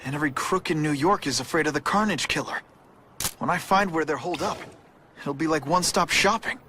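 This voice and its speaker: Wisecracking young American Spider-Man, higher-pitched. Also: brisk, pushed and bright. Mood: wry. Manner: breezy, wry, informal. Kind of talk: video game voice acting, quippy monologue. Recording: clear background noise, game ambience.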